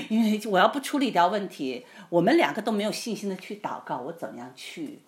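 Animated storytelling woman pastor, roomy sound. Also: medium pitch, a little fast. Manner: animated storytelling, often laughing, mimics quoted voices. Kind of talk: testimony in a casual interview. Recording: roomy echo with faint noise.

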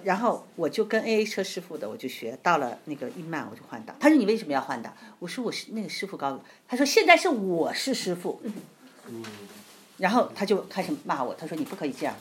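A woman giving an informal church talk on marriage, telling stories with lively emphasis and frequent laughter. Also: on the low side, a little hiss or hum. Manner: animated storytelling, laughs often. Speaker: church speaker.

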